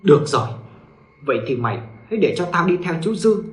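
A man's voice: high voice, very animated, fast talker. A man voicing a desperate older father pleading through tears in a ghost story, recorded in an echoey room. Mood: despairing. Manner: pleading, tearful.

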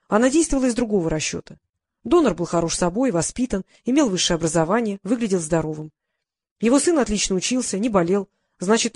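A woman reads a novel aloud in an even, measured style. Her voice sits at a middle pitch. The recording is close and dry. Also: dry recording. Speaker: audiobook narrator. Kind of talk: scripted narration.

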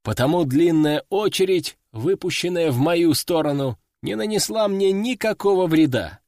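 A man narrating a first-person fantasy audiobook with expressive storytelling. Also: fairly high pitch, moderate pace, no room sound, clean studio sound.

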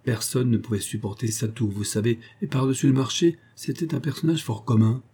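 A man voicing a disdainful, jaded young gentleman who speaks with mocking indifference. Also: mid-range voice, a little fast, breathy edge. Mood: sneering. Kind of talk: audiobook character voice.

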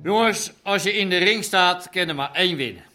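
An actor playing a folksy, determined gang elder in a radio drama, philosophising. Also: male voice, sits high, fairly quick, bright, forceful tone, faint music behind. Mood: rallying. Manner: philosophical pep talk, folksy.

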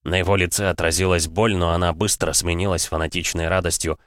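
A man narrating a fantasy story in first person, steady and even. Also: low voice, fast, no echo. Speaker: audiobook narrator.

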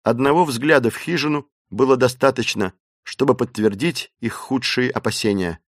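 A man reads an adventure story aloud in a mid-pitched voice, steady and expressive. The recording is dry and close, with no room echo around him. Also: moderate pace. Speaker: audiobook narrator. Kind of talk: dramatic storybook narration.

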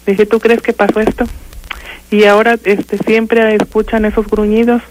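An older woman with a Mexican accent, calling in to a radio show and haltingly telling a ghost story, full of fillers and restarts. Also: medium pitch, little pitch movement, dry recording, low-quality recording. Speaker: caller.

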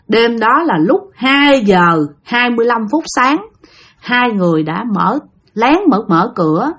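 In a chatty manner, a woman narrates a ghost story and often speaks straight to her listeners. Her voice is medium in pitch and a bit bright.

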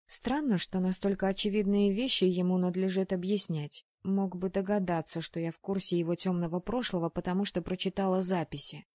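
A woman reading a first-person audiobook in a lively, expressive way. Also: medium pitch, no room sound, clean studio sound. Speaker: audiobook narrator.

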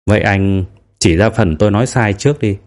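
A man reads as a middle-aged veteran detective in an audiobook, with a somewhat low voice. The detective talks in a measured, patient way and presses gently for the truth. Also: natural voice. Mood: probing. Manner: measured, quietly probing. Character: veteran male police detective, probing yet tolerant. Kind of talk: audiobook character reading.

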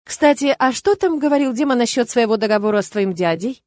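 A woman voicing a young female student heroine in an audiobook, soft and questioning, slightly plaintive. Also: on the high side, animated, brisk, voice pushed up, natural voice. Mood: anxious, spirited.

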